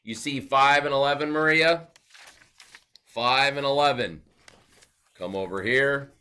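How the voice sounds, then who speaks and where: A man's voice: mid-range voice, a little slow, pushed and bright, smooth. A male teacher giving a recorded math lesson, explaining step by step and asking and answering his own questions.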